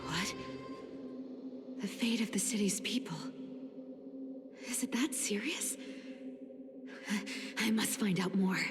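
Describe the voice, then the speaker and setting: A woman's voice: mid-range voice, normal speed, pauses often, natural voice. A woman voicing a sly, flippant treasure hunter in a video game, with a theatrical, teasing manner. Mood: curious. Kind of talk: dramatic video game acting. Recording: loud music behind the voice. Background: music.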